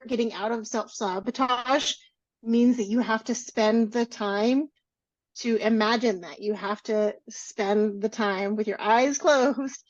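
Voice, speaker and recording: A woman's voice: a little high, no room sound. A woman co-hosting a coaching podcast, talking earnestly and working through a list of advice. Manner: slow, earnest, lists advice. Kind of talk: casual podcast chat. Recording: dull, dry lo-fi mic.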